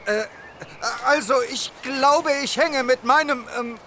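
A man's voice: extremely high pitch, slow pace, pushed and bright, a little hiss or hum, exaggerated voice. Yuma, a man playing a flustered young ninja. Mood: hesitant. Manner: hesitant, full of fillers. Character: boy turned ninja, stuck in a tree, impatient. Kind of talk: children's audio drama.

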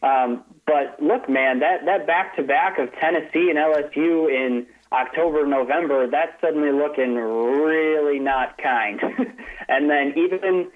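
Over a phone line, a man on a telephone joins as a sports writer guest, chatting casually about college football with light laughs and frequent restarted phrases. His voice is fairly high and he speaks at a measured pace.

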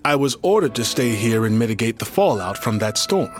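A man voicing a dutiful middle-aged army general who speaks in a measured, formal way in an audio drama. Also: medium pitch, big pitch swings, close to an everyday voice. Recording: studio audio drama with music.

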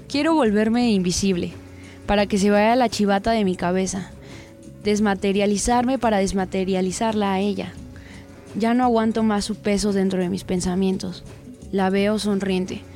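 Woman narrator, dramatic story reading, crude slang, mid-range pitch. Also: dark tone. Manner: crude slang, gritty and unhurried.

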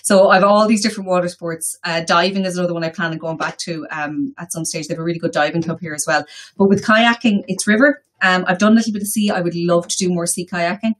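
A woman's voice: lowish voice, fairly even intonation, fast talker. Chatty woman with a west of Ireland accent. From Galway, west of Ireland. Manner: chatty, informal, colloquial. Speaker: interview guest. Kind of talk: casual conversational interview.

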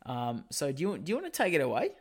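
A man's voice: on the high side, wildly swooping pitch, fast. An Australian man co-hosting a casual sports podcast, talking in a matey, teasing way. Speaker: podcast co-host.

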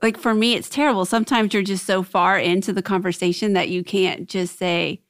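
A woman speaks at an average pitch in a casual, personal conversation. Her manner is candid and self-examining. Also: fairly even intonation, fairly quick.

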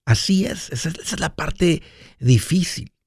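A man's voice: a little high, lively intonation, moderate pace, a little mellow, slightly rough, no echo, studio quality. A man hosting a casual monologue, playful and jokey, often restarting mid-phrase. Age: 40s. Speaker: radio finance host.

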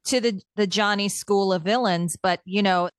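A woman co-hosting a podcast, asking eager questions and praising her guest warmly. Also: mid-range voice, normal speed, no room sound, studio quality. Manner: enthusiastic, flattering questions. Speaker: podcast co-host. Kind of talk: casual chat.

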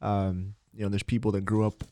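Halting male podcast co-host, fairly low voice. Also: level tone, darkish tone, dry recording, clean studio sound. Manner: halting, many ums and restarts. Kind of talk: casual chat.

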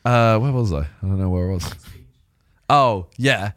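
A man's voice: lowish voice, normal speed, clear, resonant tone, no room sound, clean studio sound. Laughing young Englishman telling a story. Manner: laughs often, acts out quoted dialogue. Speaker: podcast co-host. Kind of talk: casual chat.

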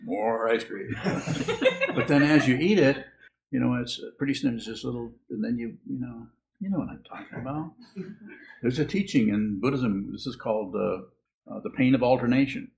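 A man giving a rambling, gently humorous Buddhist talk and answering questions from the room. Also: mid-range voice, big pitch swings, normal speed, gravelly, slight background noise, rough recording. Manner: rambling, restarts, gentle chuckles. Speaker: Buddhist teacher.

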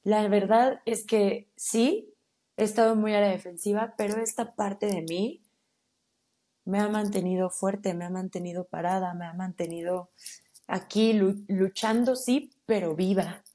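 A woman with a Mexican accent, a podcast guest telling a personal story in a casual, animated and slangy way. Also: medium pitch, a little slow. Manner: animated, slangy, acts out her own quotes.

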